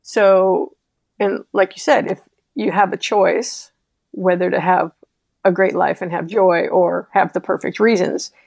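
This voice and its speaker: A woman's voice: lowish voice, steady tone, unhurried, creaky, darkish tone, no echo, clean studio sound. A woman interviewer who speaks to caregivers in a reflective, affirming way. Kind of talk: encouraging interview talk.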